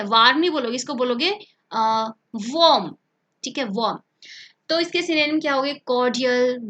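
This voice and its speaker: Woman, fairly high voice, vocabulary lesson, repeats words, checks in with students. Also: a bit bright. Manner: explains words in Hindi with English terms, repeats words and checks in with "ठीक है". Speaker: English vocabulary teacher. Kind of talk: online exam-prep lesson.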